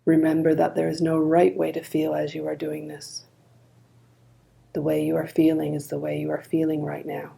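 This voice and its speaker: A woman guides a body scan meditation in a calm, gentle, unhurried way. Her voice is low-pitched with vocal fry.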